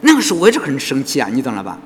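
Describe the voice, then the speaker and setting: A man preaching a sermon as pastor, animated and full of rhetorical questions to the congregation. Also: mid-range voice, rapid-fire, big-room sound, a little hiss or hum. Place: church hall.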